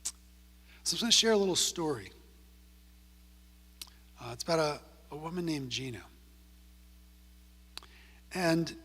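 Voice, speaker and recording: Husky-voiced man in echoing hall. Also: fairly high pitch, pushed and bright. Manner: storytelling, tags points with "right?". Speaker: counselor giving a talk. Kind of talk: conversational talk to a group. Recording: long reverb of a church hall.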